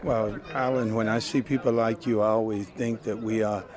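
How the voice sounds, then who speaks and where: A man's voice: on the low side, steady tone, normal speed. Older man over a crowd's chatter. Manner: plainspoken and appreciative. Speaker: community guest. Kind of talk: outdoor event interview. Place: outdoors at a city event. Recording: crowd noise behind.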